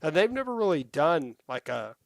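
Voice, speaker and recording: A man co-hosting a casual gaming podcast, excitable and swearing freely. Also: a little high, moderate pace, gravelly, no room sound, studio quality. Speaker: podcast co-host.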